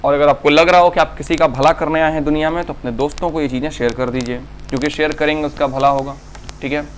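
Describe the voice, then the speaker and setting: Male grammar teacher, fairly high voice, slow English, rapid Hindi, quiet hum in the room. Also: fairly even intonation. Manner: reads English examples slowly, explains in quick Hindi; asks students questions and answers them himself. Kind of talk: exam-prep grammar lesson.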